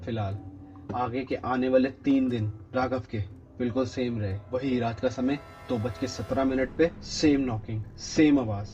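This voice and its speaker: A man narrating a horror story in a suspenseful way, dropping low on tense moments. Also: steady tone, unhurried. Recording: dull lo-fi with faint music.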